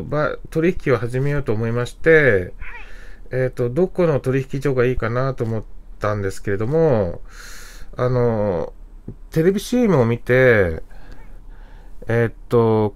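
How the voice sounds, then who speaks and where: A middle-aged man speaks as a caller making an inquiry. His pitch is mid-range and moves up and down freely. He talks haltingly and often searches for his words. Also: darkish tone. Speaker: caller to a government help line. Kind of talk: casual, hesitant spoken phone inquiry.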